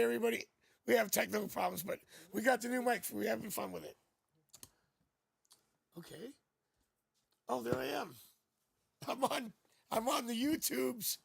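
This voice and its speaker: Through a new studio microphone, a raspy, high-pitched man hosts a laid-back live tarot stream, chatting playfully and cracking jokes.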